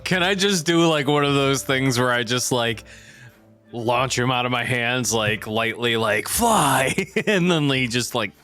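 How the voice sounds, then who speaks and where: A man playing a tabletop game, excitable, swearing and laughing a lot. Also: medium pitch, unhurried, clean tone, faint music behind. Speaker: player. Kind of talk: casual chat at a tabletop game.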